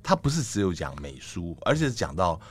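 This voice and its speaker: A middle-aged man with a Taiwanese Mandarin accent, hosting an interview. He is reflective and attentive and often answers with a soft "mm". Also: sits low, big pitch swings, moderate pace, husky. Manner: reflective, attentive listener with frequent "mm" backchannels. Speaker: talk show host. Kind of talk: interview conversation.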